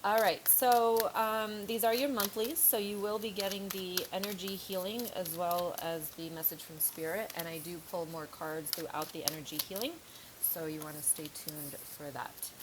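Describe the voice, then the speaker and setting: Woman tarot reader, frank and chatty, lower voice, scratchy throat, light hiss on the track. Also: fairly even intonation, moderate pace. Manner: chatty, frank, thinks aloud with fillers. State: slightly sore throat, coughing. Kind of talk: casual tarot reading to camera.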